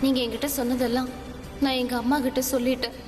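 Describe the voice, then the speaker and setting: Brief: woman playing polite, hurt young woman in a dubbed soap, high-pitched. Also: level tone, fast, close to an everyday voice. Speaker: lead character in a dubbed serial. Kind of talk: dubbed TV serial drama. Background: background music.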